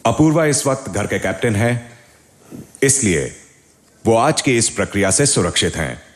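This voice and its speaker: A man's voice: fairly low pitch, very animated, normal speed. A man making formal scripted announcements as the show's unseen announcer voice, grave and commanding.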